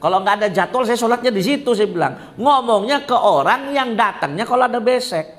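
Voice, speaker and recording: A middle-aged man giving a lively, joking sermon to a study gathering, often asking the audience questions. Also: high-pitched, a little fast. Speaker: ustadz giving a religious talk.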